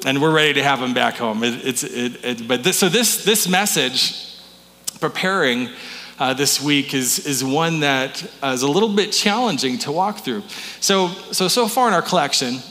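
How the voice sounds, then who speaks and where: A man's voice: medium pitch, expressive, moderate pace, big-room sound. A man pastor giving a conversational sermon, often restarting his words with stammers. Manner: warm conversational preaching with frequent stammered restarts. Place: church sanctuary.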